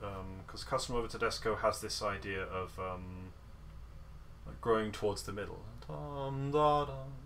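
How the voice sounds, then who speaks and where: A man's voice: fairly low pitch, level tone, normal speed, a bit bright, slight background noise. A man teaching an online guitar masterclass over a video call, playful and detail-focused, often singing rhythms with nonsense syllables. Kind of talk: online music lesson coaching.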